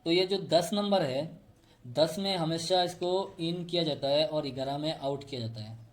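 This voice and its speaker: A man's voice: a little high, moderate pace. A man explaining step by step how fiber optic cables are tapped and connected, pointing to a diagram he drew. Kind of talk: technical tutorial.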